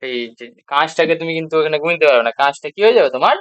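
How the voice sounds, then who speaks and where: A man's voice: on the high side, expressive, racing, fairly bright tone, no room sound, lo-fi sound. A man teaching English grammar to beginners, with a Bengali accent, spelling out word endings and answering his own questions. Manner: asks rhetorical questions and answers them, repeats spelled letters. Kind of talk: classroom grammar lesson.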